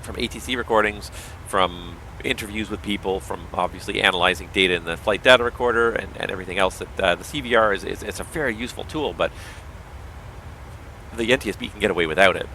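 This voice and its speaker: Low-pitched, fast and sharp-toned, this pilot's strained, tiring voice carries casual livestream commentary full of lengthy explanations, firm opinions and long running thoughts. The audio is poor and has a little hiss or hum.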